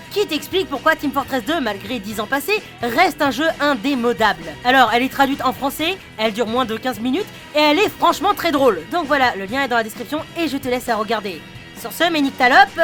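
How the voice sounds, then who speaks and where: A woman's voice: high-pitched, a bit bright. A woman hosting and narrating a scripted game review in a chatty voice, talking straight to the viewer. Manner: chatty, addresses the viewer directly. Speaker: YouTube host and narrator. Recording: narration with music bed. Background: music.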